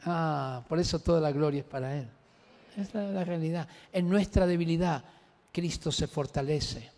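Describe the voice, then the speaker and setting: A man preaching a sermon, telling a personal story in an animated, emphatic way. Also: on the high side, normal speed. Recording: long reverb of a large hall.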